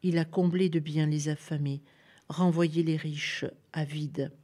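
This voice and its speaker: Tender young woman in a storybook, soft hushed prayer-like recitation, low dark voice, as a woman reads her. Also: fairly even intonation, a little slow. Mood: exultant.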